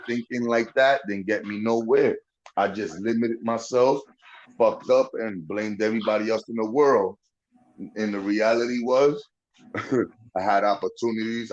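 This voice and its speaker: A podcast host in his forties from the Dominican Republic chats casually, blunt and profane, often adding "you know what I'm saying." His voice is lowish, and the recording has its highs cut off.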